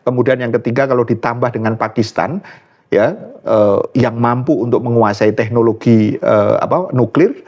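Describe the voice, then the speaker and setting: This guest, an Islamic scholar, talks politics in an interview with earnest intent, frequently searching for words and using fillers and false starts. His mid-range, darkish voice moves at normal speed, and the recording's highs are cut off.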